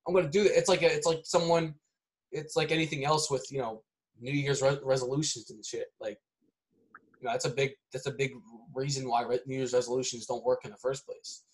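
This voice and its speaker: A man's voice: medium pitch, steady tone, fairly quick. A man talking casually on a podcast, rambling with many restarts and often ending lines with "right?".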